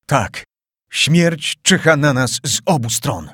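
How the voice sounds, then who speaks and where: A man's voice: fairly high pitch, lively intonation, slow pace, a bit bright, husky, no room sound, clean studio sound, full character voice. A man voicing a commanding male expedition leader who calls out urgent orders. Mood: despairing.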